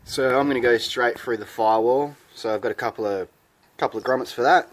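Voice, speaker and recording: A man's voice: mid-range voice, fast. A man giving casual, colloquial narration as host of a hands-on DIY car video. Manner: laid-back, colloquial, plain-spoken.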